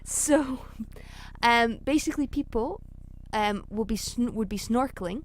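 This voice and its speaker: A woman's voice: a little high, a little slow. Woman explaining patiently, faint hiss. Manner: explanatory, patient, light laughs. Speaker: podcast co-host. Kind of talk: casual chat.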